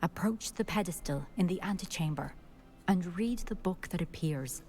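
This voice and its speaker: A woman's voice: on the low side, expressive, moderate pace, darkish tone, natural voice. An actress playing a composed, knowing female mentor in a fantasy video game. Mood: composed, instructive. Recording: long cavernous reverb.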